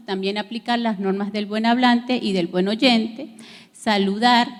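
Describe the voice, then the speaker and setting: A woman's voice: fairly high pitch, a little mellow. Woman teacher explaining a lesson in a reverberant room. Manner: measured explanatory delivery with frequent fillers. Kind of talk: recorded class lesson.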